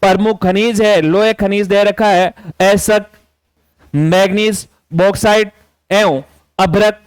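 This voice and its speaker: High-voiced coaching teacher. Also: male voice, steady tone, takes it slowly, smooth, no room sound. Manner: lists topics, repeats key instructions. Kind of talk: syllabus walkthrough lecture.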